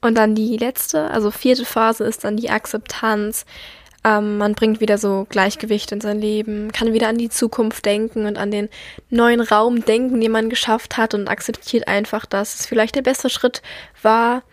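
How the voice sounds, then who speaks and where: A woman's voice: a little high, flat delivery, normal speed, dry recording. A young woman talking casually and personally as a podcast host, in an earnest, reflective, somewhat subdued manner. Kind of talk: personal monologue, casual confiding talk.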